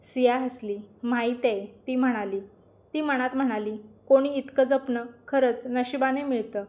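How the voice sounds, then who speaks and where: Narrator: woman, fairly high voice, gentle and emotional scripted storytelling. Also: steady tone, a little slow.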